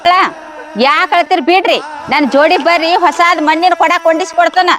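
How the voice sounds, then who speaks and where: A woman's voice: extremely high pitch, steady tone, a little fast. A woman playing a remorseful young wife. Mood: soothing. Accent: North Karnataka Kannada. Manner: pleading, apologetic.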